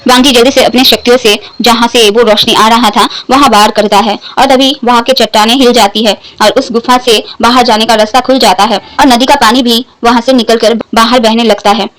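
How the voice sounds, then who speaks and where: A woman narrates a romance fan fiction story into a close microphone, so the sound is dry and intimate. Her voice sits a little higher than most, and her storytelling is steady and unhurried. She gives the characters' lines a light touch while staying in her own voice. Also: no echo, low-quality recording.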